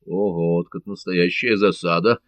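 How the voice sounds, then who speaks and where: A man's voice: low-pitched, fairly even intonation, moderate pace, fairly bright tone, dry recording. A man reading a bold, impatient pirate captain in an audiobook, speaking in short commanding orders. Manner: curt, commanding.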